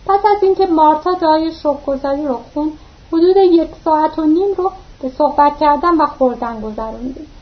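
High-voiced woman reading a novel aloud. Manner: reads steadily, voicing dialogue lightly with small slips and restarts. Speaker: audiobook narrator. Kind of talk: read-aloud novel narration. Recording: dull lo-fi recording.

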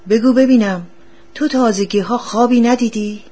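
A woman voicing a poor, bitter middle-aged father who scolds his son, with a husky voice, read as a storybook. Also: on the high side, mellow. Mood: scolding. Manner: gruff, scolding, superstitious. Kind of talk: storybook reading.

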